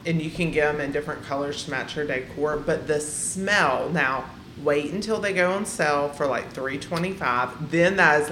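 Chatty woman with a low voice in a roomy space. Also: fairly bright tone, slight background noise. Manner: chatty, filler-heavy with frequent "like". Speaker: podcast co-host. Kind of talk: casual chat. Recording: roomy echo.

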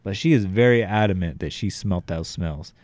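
A young adult man with a lowish voice tells a long, meandering story in a loose podcast chat, swearing freely and padding his sentences with fillers. The sound is dry and close-miked, with no room around it. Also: normal speed, darkish tone, dry recording. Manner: rambling, profane, heavy fillers. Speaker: podcast co-host.

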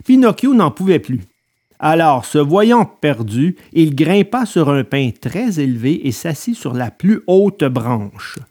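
Expressive male storybook narrator. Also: fairly high pitch.

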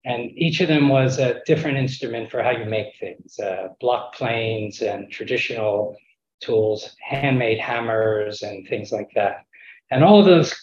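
A man giving reflective interview answers in a measured way, pausing mid-thought. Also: mid-range voice, a little mellow. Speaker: interview guest, architect. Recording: roomy, dull lo-fi internet call.

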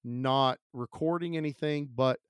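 A man co-hosting a movie podcast in casual chat, his voice rough from being sick, upbeat and chatty with lots of fillers. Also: medium pitch, measured pace, no room sound. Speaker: podcast co-host.

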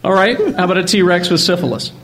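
A man's voice: high voice, expressive, fast talker, a bit bright, slight background noise. A man hosting casual comic banter in a dry, mock-formal way. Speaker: host.

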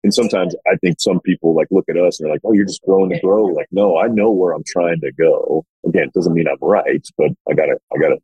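A man's voice: low-pitched, steady tone, fast, few pauses, warm tone, breathy edge, no room sound, poor audio. A man speaking as a business owner in a casual interview, emphatic and folksy, often repeating words.

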